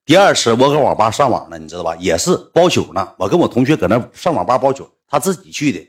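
A man's voice: mid-range voice, big pitch swings, quick pace, slightly rough. A man with a Northeastern Mandarin accent telling a personal story in a chatty, colloquial, self-mocking way.

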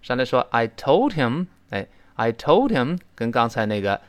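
Guy teaching english pronunciation, voice jumps all over, dry close sound, drills phrases slow. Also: mid-range voice, clear, resonant tone, dry recording. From China. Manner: animated, repeats model phrases slowly for drill. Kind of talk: spoken English lesson, explaining pronunciation.

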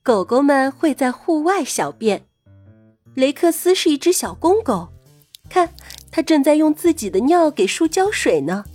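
A woman's voice: high voice, very animated, measured pace, a little mellow, soft background music. A woman narrates an educational children's script as a storyteller, as if reading to a toddler, addressing the little listener directly in simple words.

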